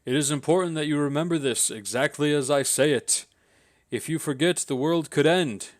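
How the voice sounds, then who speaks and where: A man voicing a solemn ghostly man who delivers a prophecy, speaking slowly and portentously. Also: a little high, no echo, clean studio sound, lightly acted. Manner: slow, drawn-out, portentous delivery.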